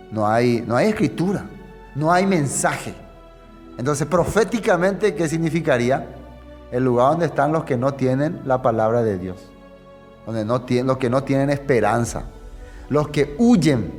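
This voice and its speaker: This man's voice is mid-range and a little mellow, carrying the sound of a large room. As a preacher, he teaches a Bible passage conversationally, regularly checking with the congregation by asking "¿no?"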